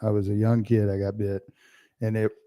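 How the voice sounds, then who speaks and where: A man's voice: on the low side, flat delivery, normal speed, dull audio. A man co-hosting a podcast, telling stories in a loose, rambling casual chat with plenty of slang. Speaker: podcast co-host.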